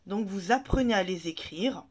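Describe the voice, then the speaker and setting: A woman's voice: mid-range voice, lively intonation, normal speed. A woman teaching an Arabic reading lesson to French-speaking learners, patient and encouraging, stretching out syllables for the learners to repeat.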